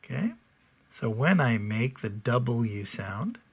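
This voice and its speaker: A man with a standard American accent giving an informal pronunciation lesson, explaining patiently and haltingly step by step, with a slightly husky, gravelly voice. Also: medium pitch, very animated, muffled recording. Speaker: pronunciation teacher. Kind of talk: informal instructional video, demonstrating English sounds.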